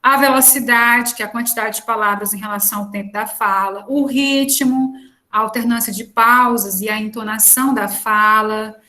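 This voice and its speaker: A woman teaches an online class. Her voice sits a little high, and her delivery is chatty, full of fillers and self-corrections. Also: steady tone, normal speed, pushed and bright. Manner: conversational, frequent fillers and restarts. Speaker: lecturer. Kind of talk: online lecture.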